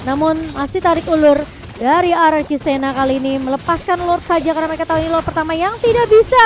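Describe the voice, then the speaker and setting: Very high-pitched female esports caster. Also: fast. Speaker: esports shoutcaster. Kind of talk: live mobile game match commentary.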